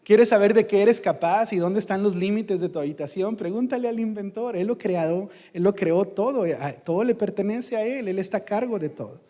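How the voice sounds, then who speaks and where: A man's voice: sits high, normal speed, few pauses, dark tone, long reverb tail. A man preaching a sermon in church, emphatic, with rhetorical questions and repetition. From Mexico. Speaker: pastor.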